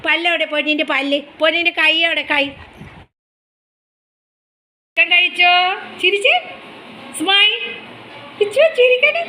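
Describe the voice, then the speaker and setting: Bright high-voiced woman cooing at her dog. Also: normal speed. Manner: high sing-song baby talk to the pet, then calm chat to viewers. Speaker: vlogger, dog owner. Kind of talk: casual home vlog, talking to her dog. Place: home, near the kitchen. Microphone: phone camera.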